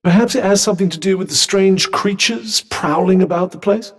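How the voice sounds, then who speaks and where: In a big-sounding room, a British-accented man with a high-pitched, slightly rough voice speaks fairly quickly as a magical talking vambrace in a video game. The character is sardonic and pompous, using formal, wordy phrasing with dry wit, and his mood is dry and urging.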